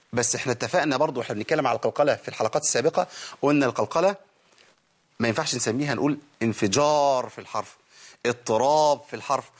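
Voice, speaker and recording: A man with an Egyptian accent teaching a recitation lesson, asking his own questions and answering them, then sounding out letters for learners to repeat. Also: mid-range voice. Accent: Egyptian Arabic. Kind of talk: spoken Tajweed lesson.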